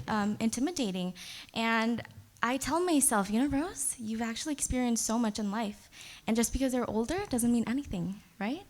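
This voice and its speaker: A young woman answering a pageant interview, her voice sitting a little high. She speaks earnestly and pauses on fillers as she gathers her thoughts. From United States and Nepal. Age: young adult. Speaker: pageant contestant.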